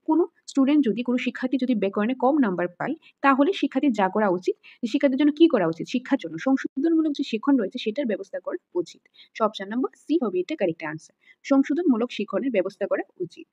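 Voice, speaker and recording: A woman's voice: a little high, expressive, quick pace, warm tone, slightly rough, dull audio. A woman teacher runs through exam questions, reading out the options, then restating each answer and mixing in English words. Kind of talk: quiz-style exam lesson.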